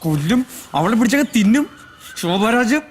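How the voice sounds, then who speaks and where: A man's voice: sits high, big pitch swings, normal speed, faint music behind. An actor playing an anxious young man in a comedy film, complaining about being pushed into a marriage.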